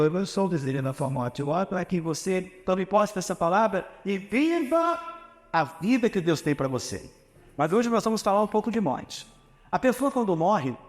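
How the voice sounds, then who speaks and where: A Brazilian man preaching a sermon in a notably high voice, pressing his points with rhetorical questions. His words ring out with the long reverb of a church hall. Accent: Brazilian Portuguese. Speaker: pastor. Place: church sanctuary.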